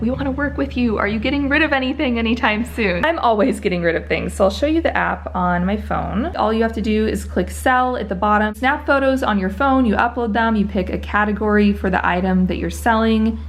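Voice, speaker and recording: A woman's voice: mid-range voice, a little fast, hardly any pauses. A woman vlogger chatting casually to her viewers in an informal, upbeat and enthusiastic way.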